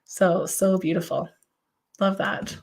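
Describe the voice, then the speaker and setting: A woman runs a live mediumship reading and talks to her viewers as she goes. Her voice sits at an ordinary middle pitch. She is effusive and tender, and her sentences are loosely strung together with "like" and "you know.". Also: fairly even intonation, takes it slowly, a little mellow. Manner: gushing and affectionate, many "like" fillers, answers chat comments aloud. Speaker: psychic medium.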